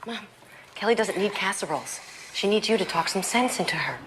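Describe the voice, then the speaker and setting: A woman's voice: medium pitch, a little fast, lightly acted. An actress playing a blunt, sarcastic young woman lawyer arguing with her family in a film drama. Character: sharp-tongued young woman lawyer, sister. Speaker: lawyer sister. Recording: film soundtrack with steady background noise.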